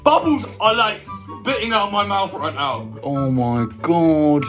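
A man's voice: a little high, slow, fairly bright tone, faint music behind. A young man with foam on his lips, talking in a panicky, laughing way as he reviews a product for his vlog. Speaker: vlogger.

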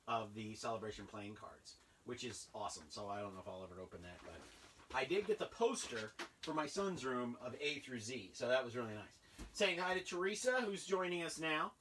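A man's voice: on the high side, distant mic. Chatty man unboxing toys in a basement. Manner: chatty, rambling, excited asides. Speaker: toy collector vlogger. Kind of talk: casual unboxing chat. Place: cluttered basement room full of toys. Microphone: camera a few feet away.

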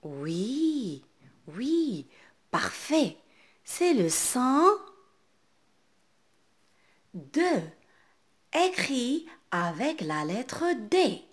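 Slow, deliberate woman teaching reading. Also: sits high, big pitch swings, slightly rough. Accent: North African French. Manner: slow, carefully enunciated, repeating words for children. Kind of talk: early reading lesson.

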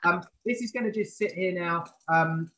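A male chef leads a live cooking demonstration via video call, positioned back from the camera in a professional kitchen, giving clear, informal step-by-step explanations. His voice sits high, pushed and bright, at a normal speed, with slight background noise.

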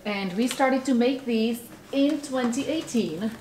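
A woman's voice: on the high side, a little slow, darkish tone, a little hiss or hum. A woman from the Czech Republic in her forties with a Czech accent, chatting animatedly in an interview in a small office, with many fillers. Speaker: food company founder. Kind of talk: casual interview chat. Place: small office with bookshelves, indoors.

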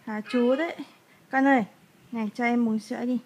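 A mother, gently coaxing her small child at home and prompting each line. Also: on the high side, steady tone, a little fast, slightly rough. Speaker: mother filming her toddler. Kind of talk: casual home chat with a child.

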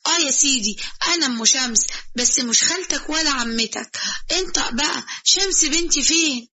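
Woman playing a shrill older mother, Egyptian accent, scolding, high and bright, husky. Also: expressive, moderate pace, lo-fi sound. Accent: Egyptian Arabic. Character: older Egyptian mother, sharp-tongued and jealous.

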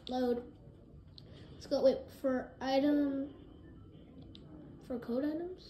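A woman giving excitable live gameplay commentary, jumping between hyped shouts and low mumbles. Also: slow. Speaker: gaming video creator. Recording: roomy echo with faint noise.

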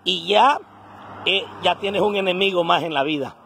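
A man in his forties, speaking with a coastal Guerrero Mexican accent, records a casual selfie vlog on a phone at arm's length, going from inside a house out to a roadside. His high voice is creaky, bright and forceful at normal speed, his speech earthy and salty, with slight background noise.

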